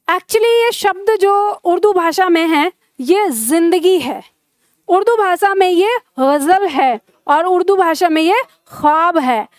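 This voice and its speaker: A woman teacher explaining a Hindi grammar lesson, asking the class questions and slowly stressing each sound. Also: very high-pitched, no echo, studio quality.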